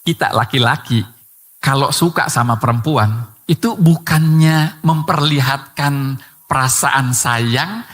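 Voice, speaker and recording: Bright-voiced preacher in a reverberant hall. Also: male voice, medium pitch, slow pace. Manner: addresses listeners directly with rhetorical questions. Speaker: Islamic preacher. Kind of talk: sermon.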